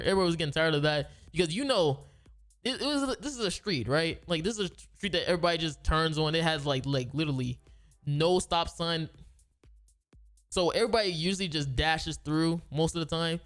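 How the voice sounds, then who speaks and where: A man who makes gaming videos tells a long story casually, rambling with slang and restarting his sentences. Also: fairly high pitch.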